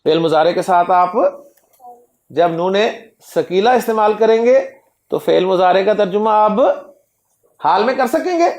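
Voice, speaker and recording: A man teaching Arabic grammar in a classroom lecture. He drills word forms slowly and keeps quizzing his students. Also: high voice, expressive, a little mellow. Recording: echoey classroom recording.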